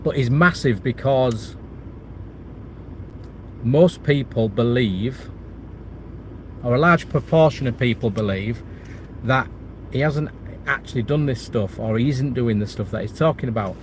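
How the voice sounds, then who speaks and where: This is a middle-aged man hosting a property channel livestream, going through viewer comments despite a cold and chest infection. His mid-range voice keeps a measured pace with long pauses, and his rambling talk is packed with restarts and fillers. A little background noise sits underneath.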